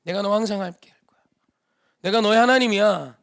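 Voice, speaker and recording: A man's voice: high voice, brisk, gravelly. A man voicing God as a fatherly figure who speaks plainly and informally, coaxing and urging. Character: God, a fatherly male voice, patient then stern.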